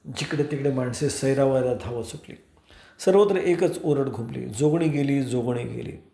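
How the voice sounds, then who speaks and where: A man reads a novel aloud with vivid, dramatic storytelling. His voice is mellow and dark, set a little high, and the room gives it a clear echo. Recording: echoey room.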